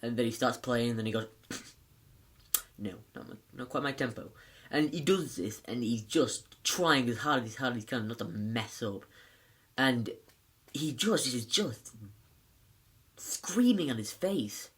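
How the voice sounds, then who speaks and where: A man's voice: medium pitch, expressive, slow pace, pauses often, a bit bright. A man casually reviewing a film, rambling with lots of fillers and restarts.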